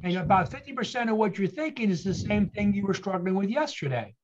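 A man with a high-pitched voice tells his story with earnest, motivational emphasis. He leans on rhetorical questions and repeats key phrases. The recording is dull and lo-fi. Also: lively intonation, fast talker. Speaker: guest speaker.

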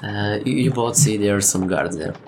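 A man narrating a tabletop game as game master, halting with many fillers, laughing often and swearing casually. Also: fairly low pitch, background noise.

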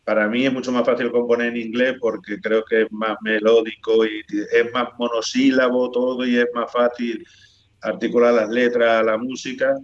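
Animated Spanish man on a dull line. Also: medium pitch, normal speed. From El Bierzo, Spain. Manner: animated storytelling, frequent restarts. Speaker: guitarist of a rock band, guest. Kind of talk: casual interview chat.

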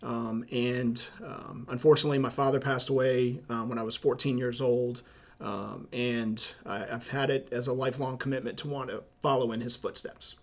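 A middle-aged high school principal from Charleston, South Carolina, answers podcast interview questions in a measured Southern accent. His tone stays level, and his answers are full of ums and uhs.

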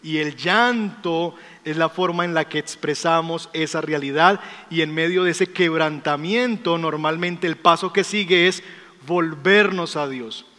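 A man preaching a sermon as pastor, emphatic, asking rhetorical questions and dropping to a softer storytelling voice. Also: a little high, measured pace. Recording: long hall reverb.

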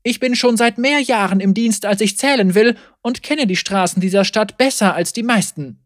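A woman voicing a stern, cool-headed female sheriff, talking calmly in a mocking, coldly threatening tone, raised a little above her own pitch. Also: moderate pace, dry recording, clean studio sound, natural voice.

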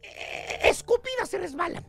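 A man's voice: very high-pitched, animated, moderate pace, creaky, a bit bright, faint music behind. A man hosting a radio comedy show, teasing his co-hosts and telling mocking stories full of slang. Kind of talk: comic radio banter.

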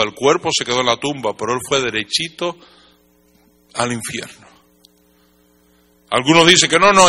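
A man preaching a sermon with passion, swinging between hushed tones and shouting. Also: mid-range voice. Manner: impassioned, shifting from hushed to shouting. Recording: mains hum behind.

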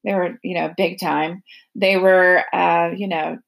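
A middle-aged woman with a slightly low voice introduces a podcast guest. She talks conversationally and haltingly, working out her wording as she goes. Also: fairly even intonation, gravelly. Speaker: podcast host. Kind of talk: casual spoken introduction of a guest.

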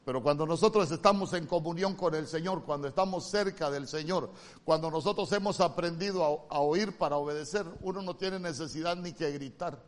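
Man, pastor, Honduran accent, sermon, fairly high voice, loud-to-soft dynamic preaching. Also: brisk. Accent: Honduran Spanish. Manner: swings from loud emphatic calls to soft near-whispered lines.

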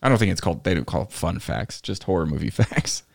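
A man's voice: low-pitched, animated, fast, vocal fry. A man hosting a podcast in casual chat, presenting trivia and games to his co-hosts. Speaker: podcast host.

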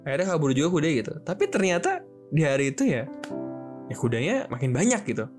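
A young man casually telling a religious story, chatty and slangy, jumping into quick voices for the characters. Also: a little high, wildly swooping pitch. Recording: music playing behind.

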